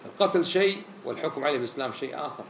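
A man preaching a sermon in an animated way, acting out the voices he quotes. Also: medium pitch, rapid-fire, a little hiss or hum. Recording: roomy echo, faint ambience.

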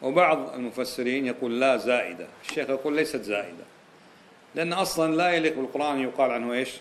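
A man's voice: mid-range voice, animated, rapid-fire, slight background noise. A man teaching a Quranic exegesis lesson, explaining point by point, repeating key phrases and putting rhetorical questions to his listeners. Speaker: religious teacher.

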